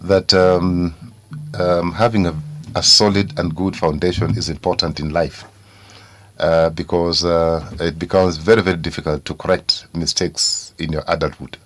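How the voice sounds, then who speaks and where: A man with a Kenyan accent, a studio guest on a morning radio show, speaking deliberately and insistently with many fillers. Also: low voice, level tone, fairly bright tone, no room sound. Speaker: studio guest, party executive. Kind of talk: political talk show discussion.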